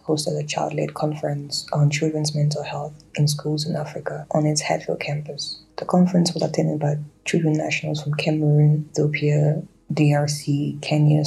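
A woman hosting a podcast with a husky, gravelly voice. She introduces the show and puts questions in a measured, plain way. Faint music sits underneath. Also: sits low, darkish tone, low-quality recording. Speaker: podcast host. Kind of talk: podcast interviewing.

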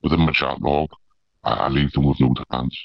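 A man whose voice has been disguised and pushed extremely deep, gravelly and rough. He speaks, halting and restarting often as he recounts events in an interview. The sound is dull and dry, with no room around it. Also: fairly even intonation, dry recording. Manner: halting, with many fillers and restarts. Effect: voice disguised, pitched very deep. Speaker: amateur paedophile hunter.

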